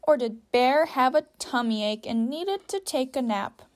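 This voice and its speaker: With a high-pitched, expressive voice at a measured pace, a woman teacher leads young children through a story activity one step at a time. She stays patient, keeps her sentences simple and asks guiding questions.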